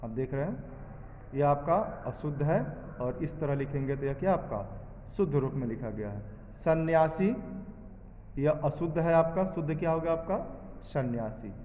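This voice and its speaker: A man's voice: on the high side, moderate pace, dark tone, a little hiss or hum. A male teacher taking a class through a lesson, asking questions and answering them himself. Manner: drills students, asking and answering his own questions. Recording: echoey room with long reverb, dull sound.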